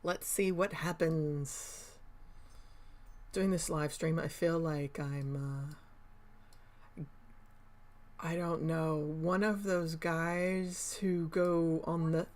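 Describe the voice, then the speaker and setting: A middle-aged woman, commenting casually on her live trades, chatty and excitable, swearing and laughing at her own moves. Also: low voice, takes it slowly. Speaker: day trader livestreaming.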